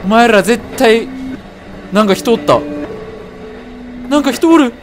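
A man with a Kansai accent, commentating a horror game, excitable and jumpy with loud reactions. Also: extremely high pitch, a little slow, background noise. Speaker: gaming streamer. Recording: game music playing behind.

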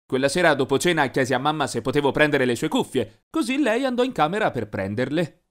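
A man narrating an animated teen story in a lively, mischievous storytelling voice. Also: on the high side, quick pace.

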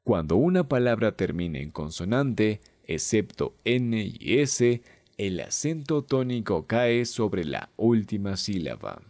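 Slow, careful male textbook reader. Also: fairly low pitch, big pitch swings, darkish tone, no room sound, clean studio sound. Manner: slow, careful reading of example words one by one. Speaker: language teacher reading a textbook. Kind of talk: slow read-aloud lesson.

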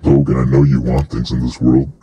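Man through a deep-shifted voice changer as a menacing devil, slow and insistent, very low and flat. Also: muffled recording. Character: menacing devil offering a soul deal. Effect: voice changer pitched very deep. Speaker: prank caller. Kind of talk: prank call over game voice chat.

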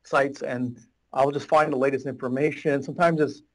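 A middle-aged data warehouse architect joins a casual explanatory interview by webcam from a small office with a whiteboard. His medium-pitched voice stays steady at normal speed as he rambles, restarts often and gestures a lot, and the recording is rough.

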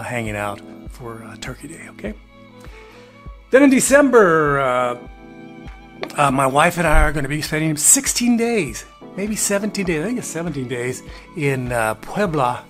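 Filmed against a grey wall in a plain indoor room, this RV travel vlogger, an older man from Texas, chats through a loose travel update. He sounds a little high and fairly bright in tone. His talk wanders, full of "uh"s and homespun side remarks.

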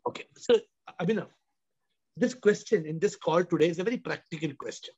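A man in his fifties with an Indian accent leads a spiritual question-and-answer session. His voice is high for a man, and he repeats questions for emphasis. The sound is dull, compressed video call audio. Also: fairly quick, darkish tone, slightly rough. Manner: emphatic, repetitive, rhetorical questioning. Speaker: host and spiritual teacher.

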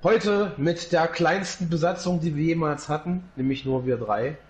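A man putting on the voice of an airship captain, making a slow, raised welcome announcement to his crew in the style of a pilot's cabin address. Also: on the high side, a little mellow, muffled recording, lightly acted. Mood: announcing. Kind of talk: gaming video intro banter.

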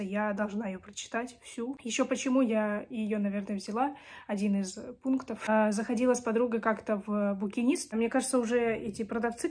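Husky and darkish yet a little high, this woman's voice is strained from a cold and sore throat. She's in her twenties, a book vlogger talking about books casually to camera in a small bookshelf-filled room at home.

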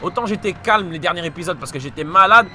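A young man, still a little ill, commenting on his gameplay with frequent swearing and frustrated shouts. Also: sits high, fast. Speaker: let's play gamer. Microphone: desk mic. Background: game music.

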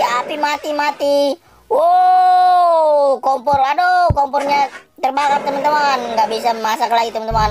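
A woman giving chatty, excitable gameplay commentary, talking to her viewers and to the game characters and laughing often. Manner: laughs often, swings between squeals and low mutters. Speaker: gaming channel host.

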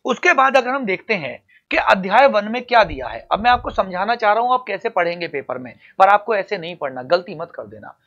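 A man's voice: sits high, big pitch swings, brisk, hardly any pauses, sharp tone, lo-fi sound. A man teaching law to exam students, talking to them directly and calling them "beta" and "champion". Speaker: coaching teacher. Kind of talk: explaining law for exam prep.

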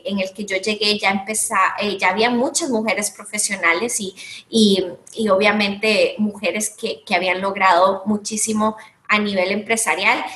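A woman's voice: medium pitch, fairly bright tone. Woman on an echoey video call. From Costa Rica. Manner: earnest, many restarts and fillers. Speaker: guest entrepreneur. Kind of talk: casual interview answers. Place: room at home. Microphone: video call webcam.

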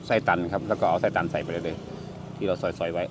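In this noisy recording, an older man sits low in pitch and keeps a steady tone while talking quickly. He's the chatty host of a casual cooking vlog, exclaiming over dishes as he tastes them and keeping the talk relaxed.

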